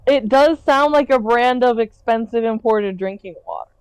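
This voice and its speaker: A woman's voice: on the high side, moderate pace, clear, resonant tone, poor audio. A woman playing in a tabletop game, tossing in teasing, dry asides. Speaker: player. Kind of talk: casual tabletop play.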